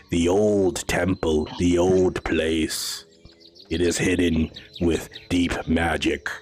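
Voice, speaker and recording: Furtive game creature played by a man: demonic, possessed-sounding low voice, slow broken phrases, husky edge, music underneath. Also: full character voice. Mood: secretive, eager. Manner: slow, halting broken speech in short phrases. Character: furtive, friendly elder creature guide speaking broken language.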